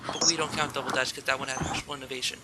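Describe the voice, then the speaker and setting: A man's voice: mid-range voice, flat delivery, rapid-fire, pushed and bright. A young man hosting a casual gaming podcast, upbeat and chatty. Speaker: podcast host.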